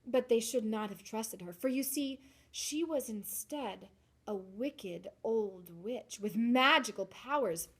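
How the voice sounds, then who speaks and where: A woman teacher narrating a fairy tale aloud, dramatic and animated, with playful asides. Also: high voice, slightly rough. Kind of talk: storybook read-aloud narration.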